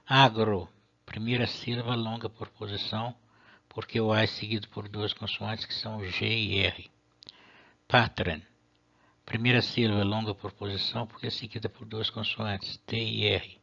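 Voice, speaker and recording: A fairly low-voiced man walks through a language lesson step by step. His tone is bright and forceful, and he pauses now and then to restart a phrase. The recording sounds dull and lo-fi. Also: flat delivery, gravelly. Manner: patient, methodical, with hesitant restarts. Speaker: Latin teacher. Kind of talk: explanatory video lesson.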